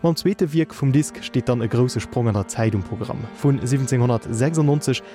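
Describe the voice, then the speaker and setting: A man reading a scripted music review for radio in a measured way. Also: mid-range voice, warm tone. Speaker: music critic.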